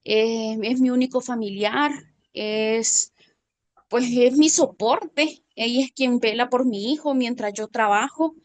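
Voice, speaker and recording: Her voice pitched somewhat high, a woman from Guatemala shares her testimony with her class through a phone video call. The delivery is halting and unsure, dropping low, almost murmured, whenever she is emotionally moved.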